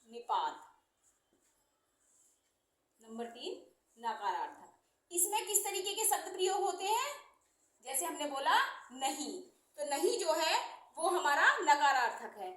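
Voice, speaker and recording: A woman teaching Hindi grammar, explaining slowly and repeating each term with examples. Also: extremely high pitch, a bit bright, reverberant. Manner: slow, repeating terms and examples. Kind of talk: explanatory lesson.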